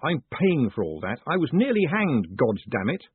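A man voicing an exasperated, quick-tongued con man who talks in sharp, indignant bursts. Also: mid-range voice, sing-song, husky, no room sound, pitched above the performer's own voice. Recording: dry, phone-like narrow band.

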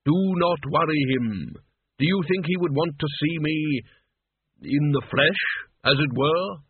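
A man voicing Death, an ancient skeleton reaper, solemn and imperious, speaking in a slow, measured, pompous way. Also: a little high, breathy edge, no echo, phone-quality sound. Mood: solemn, commanding.

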